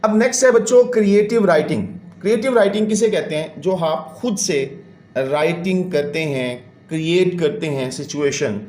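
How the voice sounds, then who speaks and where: A man teaches a lesson in a slightly raised pitch, patiently walking through each point and counting things out. His voice rings in an echoey room. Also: moderate pace, a little mellow. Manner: patient, explains step by step, counts syllables aloud. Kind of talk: classroom lesson explanation.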